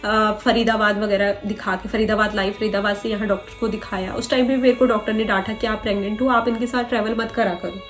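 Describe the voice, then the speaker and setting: A woman's voice: medium pitch, fairly even intonation, fast talker, few pauses, faint music behind. A young woman vlogger retelling a hard personal story in a rambling, earnest way.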